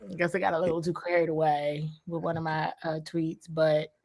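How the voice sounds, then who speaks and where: A woman's voice: deep voice, flat delivery, brisk, darkish tone. A woman guest in a casual sports chat, speaking in a playful, self-mocking, giggly way.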